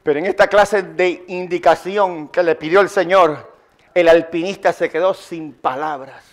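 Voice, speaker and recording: Preaching at a moderate pace, this man has a fairly high voice. The pastor's Sunday church sermon is emphatic and full of repetition, with calls for the congregation to respond, and it comes from a live stream.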